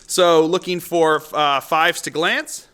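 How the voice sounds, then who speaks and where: A man hosting a tabletop wargame battle report, giving casual play-by-play of dice rolls. He gets excitable, laughing often and bursting into whoops. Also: on the high side, slow, clear, resonant tone. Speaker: host and player.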